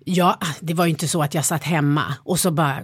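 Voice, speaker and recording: A woman in an interview, a leadership developer telling her stories in a lively, animated way. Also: low-pitched, slightly rough, no echo, studio quality. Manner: lively storyteller, animated retellings. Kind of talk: interview conversation.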